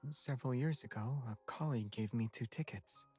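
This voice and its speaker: A man playing a calm, devoted young hunter in a video game, with a flat, apathetic, unhurried delivery. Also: medium pitch, slightly rough, no echo, faint music behind, natural voice. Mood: detached, mild.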